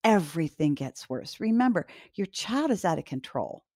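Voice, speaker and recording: A woman host giving parenting advice directly to parents, calm, firm and reassuring. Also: on the low side, moderate pace, dry recording, clean studio sound.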